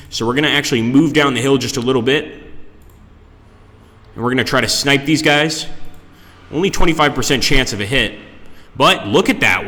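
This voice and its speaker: A man gives casual live commentary on a game he is playing, addressing his viewers as he goes. His voice is bright and forceful at a middling pitch. It rings with a long, cave-like echo from the conference room he streams in. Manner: talks to viewers, greets them by name.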